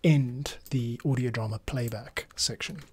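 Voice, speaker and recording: Talking casually as he works, this middle-aged podcast editor and streamer muses aloud over his audio edits in a mid-range voice that moves a little slowly. He sits in a small home studio with a close arm-mounted microphone; keyboard and mouse clicks come through clearly, along with a slight hiss or hum.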